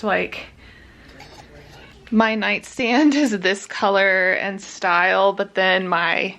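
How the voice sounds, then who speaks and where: A woman's voice: mid-range voice, fairly bright tone. A pregnant woman, chatting casually on a home vlog and a little short of breath. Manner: chatty, upbeat, often laughs. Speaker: vlogger. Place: bedroom at home.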